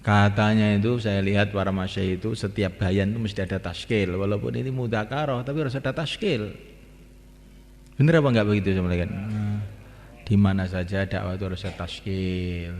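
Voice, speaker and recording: A man preaching a sermon in a repetitive, emphatic way, swinging between soft and loud. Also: on the low side. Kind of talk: sermon to a gathering. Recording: echoey hall with long reverb.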